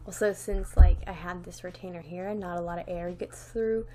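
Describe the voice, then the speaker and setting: A young woman vlogger talks casually to the camera, her voice fairly low and mellow with fairly even intonation at a normal speed. A new retainer gives her a slight lisp, and she rambles with lots of "like"s, restarts, and light laughs. There's a little hiss or hum in the recording.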